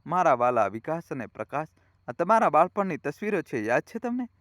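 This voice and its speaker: A heartbroken father in his seventies, as a male storyteller puts him on, speaking tenderly and with deep reproach, his voice lifted noticeably higher than the narration. The delivery is plain and close, with a dry, dead sound and no room around it. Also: very animated, a little fast, a bit bright, dry recording. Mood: grieving. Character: dying heartbroken old father, seventy-five.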